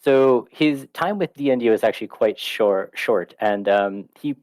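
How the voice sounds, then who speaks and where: A man working as an interpreter, giving a translation voice over of an interview in a rapid, matter-of-fact way. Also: medium pitch, darkish tone, no echo. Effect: translation voice over, interpreting the other speakers' words. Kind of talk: live consecutive interpreting for an interview.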